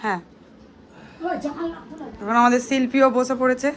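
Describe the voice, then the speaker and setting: A hoarse woman, chatting to viewers as she films her family at home. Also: high-pitched, fairly even intonation, moderate pace, a little hiss or hum. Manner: chatty, addressing viewers directly. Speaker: vlogger. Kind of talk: casual family vlog.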